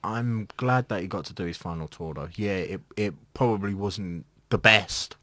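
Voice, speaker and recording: A man's voice: low voice, moderate pace, pushed and bright, no echo. A man hosting a podcast, chatting casually and laughing often. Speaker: podcast host.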